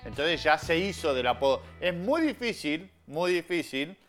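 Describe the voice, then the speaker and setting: High, animated Argentine man telling stories. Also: moderate pace, faint music behind. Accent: Argentine Spanish. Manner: storytelling, eager, agreeable. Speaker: podcast co-host. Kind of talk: casual sports chat.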